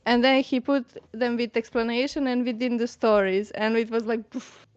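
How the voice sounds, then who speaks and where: A woman's voice: on the high side, fairly even intonation, moderate pace, smooth, no echo. A woman from Serbia speaking English with a Serbian accent, chatty, with slightly non-native phrasing, as a guest artist. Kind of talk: casual chat. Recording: slightly dull call audio.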